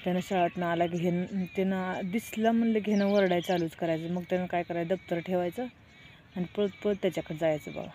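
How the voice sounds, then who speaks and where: A woman's voice: fairly low pitch, fairly even intonation, fast, mellow, slight background noise. A middle-aged woman, telling a story in a casual vlog. She speaks plainly and keeps turning to viewers with "look". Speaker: vlogger.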